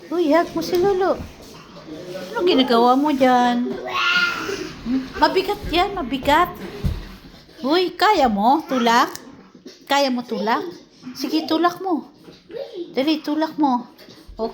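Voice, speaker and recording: A woman filming a toddler at home, coaxing the child in a playful sing-song way. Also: high-pitched. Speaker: family member filming a toddler. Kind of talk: casual home video.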